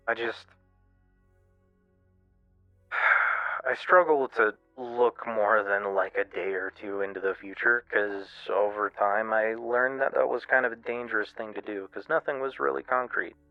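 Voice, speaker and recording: A man giving a candid, casual personal monologue as a streamer, in a halting, self-reflective way. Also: lowish voice, fairly even intonation. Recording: muffled, roomy lo-fi radio-like sound, music behind. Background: music.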